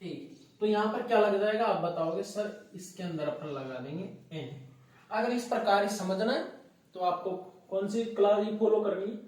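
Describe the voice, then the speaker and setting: Guy teaching english grammar, kinda high voice, super echoey room. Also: moderate pace, darkish tone, distant mic. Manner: addresses viewers as dear children, asks and answers own questions. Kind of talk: classroom lesson to students.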